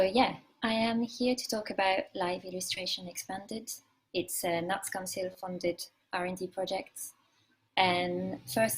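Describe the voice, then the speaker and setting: A woman's voice: on the low side, a little hiss or hum, rough recording. Woman with a strong French accent. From France. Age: 30s. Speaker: guest speaker, live illustrator. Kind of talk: presentation talk. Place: remote call from home.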